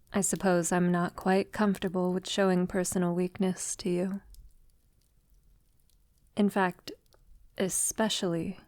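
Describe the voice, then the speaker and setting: In an intimate audio roleplay, a woman voices a refined, vulnerable vampire centuries old, speaking affectionately to her lover with formal phrasing. Her natural, mid-range voice is slow, soft and tender, often sinking to near-whisper, and she sounds hesitant and apologetic. The recording is very dry.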